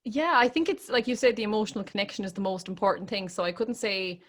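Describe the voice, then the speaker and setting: A woman's voice: mid-range voice, animated, fast. A woman with an Irish accent speaking as an interview guest, telling her story in a candid, reflective, conversational way. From Ireland. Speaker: interview guest, classical crossover singer.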